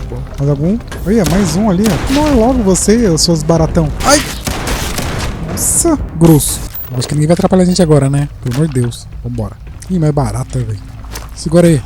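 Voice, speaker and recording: A man giving excitable gameplay commentary, cursing at enemies as he plays. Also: high-pitched. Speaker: gaming streamer. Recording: voice over loud game music.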